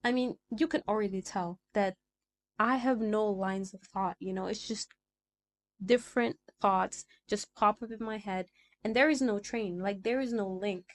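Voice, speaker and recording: On a small desk mic, a young Sudanese podcast host talks at medium pitch and a moderate pace, chatting casually and leaping from one idea to the next. She's a native Arabic speaker with an accent that's a mix of American and British.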